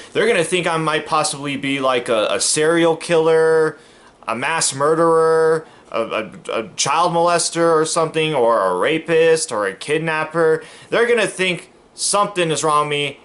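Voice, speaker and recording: A man's voice: fairly high pitch, fairly bright tone. A man from the United States talking casually to camera as a vlogger, rambling and emphatic, with many fillers and restarts. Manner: earnest, emphatic.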